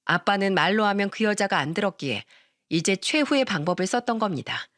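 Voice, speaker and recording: A woman's voice: medium pitch, lively intonation, brisk, a bit bright, dry recording, studio quality. Woman narrating a first-person story.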